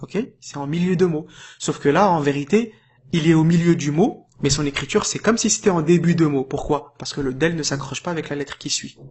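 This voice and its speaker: A man with a slightly higher voice talks a learner through a lesson in a friendly, informal way. He keeps checking that the listener follows and slows right down to stretch out each syllable. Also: darkish tone, breathy edge. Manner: patient, informal, chuckles and checks in with "d'accord?"; stretches out syllables slowly when modelling sounds. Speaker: Arabic reading teacher. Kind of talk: casual tutorial addressed to the viewer.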